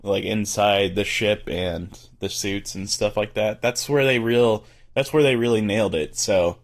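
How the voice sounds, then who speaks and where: A man's voice: lowish voice, a little slow. A man giving casual gameplay commentary in an informal, chatty way as a video host.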